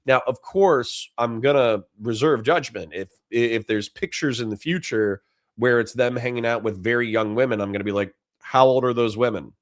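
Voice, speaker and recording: A middle-aged man hosts a casual livestream, reading chat messages and thanking supporters in a dry, sincere way with frequent restarts. His medium-pitched voice moves at a moderate pace in a dry recording.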